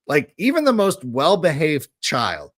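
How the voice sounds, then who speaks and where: A middle-aged man chatting casually on a livestream, his pitch swinging widely as he tells stories and slips into voices when he quotes. The sound is dry and close, with no room echo. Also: unhurried. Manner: animated storyteller, jumps into voices when quoting. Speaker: livestream co-host. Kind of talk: casual chat.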